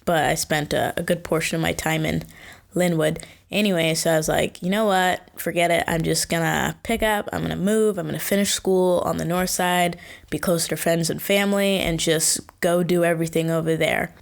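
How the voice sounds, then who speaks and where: A young woman from Washington State, born in Kenya, hosts her first solo podcast, chatting casually and rambling in circles with frequent self-corrections. Her voice is low and steady with vocal fry, at a moderate pace.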